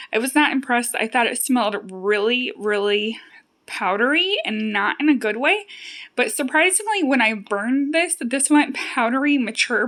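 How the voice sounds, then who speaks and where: A woman's voice: on the high side, a bit bright. A woman talking casually and conversationally to her viewers as she hosts a product review vlog. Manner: chatty, conversational. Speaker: YouTube host reviewing home fragrance products.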